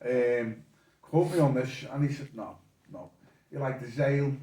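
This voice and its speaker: A man's voice: mid-range voice, fairly even intonation, moderate pace, mellow. A man with a Merseyside accent hosting a casual, chatty interview. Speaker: interview host. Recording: echoey room, distant mic.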